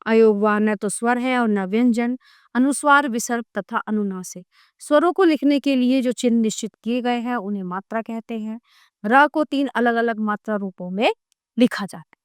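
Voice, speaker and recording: A woman narrating a grammar lesson for children, clear and measured, reading out word lists slowly. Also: on the high side, dry recording, studio quality. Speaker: teacher.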